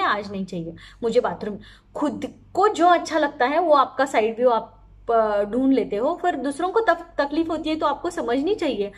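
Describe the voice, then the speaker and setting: Opinionated woman with a high voice. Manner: opinionated, rhetorical questions, acts out quotes. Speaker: reality show commentator. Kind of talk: casual opinion commentary.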